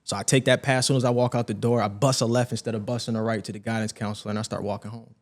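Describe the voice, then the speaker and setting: A man's voice: lowish voice, racing. A young man, a podcast guest, telling a personal story in casual conversation and acting out the voices of people in it. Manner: animated, acts out quoted voices.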